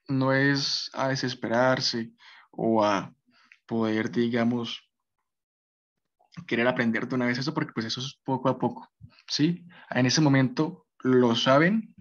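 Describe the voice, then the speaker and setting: A man teaching a basic French class, explaining patiently and often checking that his students follow. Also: medium pitch. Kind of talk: basic language lesson. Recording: dull lo-fi recording.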